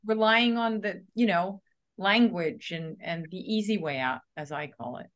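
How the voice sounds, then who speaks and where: A woman co-hosting an interview show, agreeing with her guest in a soft manner that trails off. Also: on the low side, measured pace, reverberant. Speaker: co-host. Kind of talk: casual interview chat.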